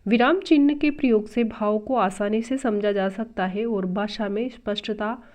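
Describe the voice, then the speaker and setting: A woman's voice: mid-range voice, steady tone, normal speed, darkish tone. A woman teaching a grammar lesson, patiently explaining step by step from a textbook and repeating each term. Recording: dull lo-fi recording.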